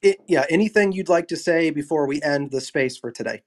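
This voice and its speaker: A man with a fairly high voice wraps up a casual online discussion panel as host, thanking the speakers. He talks briskly yet in a relaxed, rambling manner.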